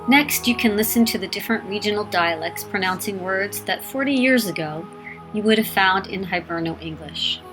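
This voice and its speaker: A woman's voice: mid-range voice, moderate pace, low-quality recording. A woman narrating a documentary in an earnest, reflective, scripted manner. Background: music.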